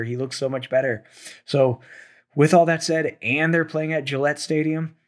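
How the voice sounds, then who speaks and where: Brief: young male podcast host, solo sports picks, hoarse from talking, um-heavy. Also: mid-range voice. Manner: thinks aloud with frequent fillers and restarts. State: losing his voice. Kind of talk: solo sports betting talk.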